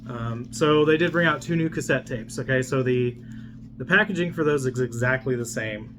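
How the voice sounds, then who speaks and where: A man hosts an unboxing video, talking unscripted and casually as his thoughts wander. His voice is medium in pitch and normal in speed, and there is a steady hum behind the clear recording.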